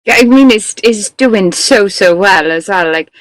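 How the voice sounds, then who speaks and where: A woman's voice: mid-range voice, expressive, a little slow, dry recording, rough recording. Chatty giggly woman hosting a live show. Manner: chatty and giggly, many fillers. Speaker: host. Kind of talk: casual live interview chat.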